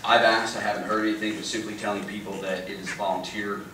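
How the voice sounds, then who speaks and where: A man's voice: lowish voice, little pitch movement, fast. A middle-aged man, a council member, speaking insistently and with frustration at a public meeting. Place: large meeting room indoors. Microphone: table microphone. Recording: echoey room, distant mic, background noise.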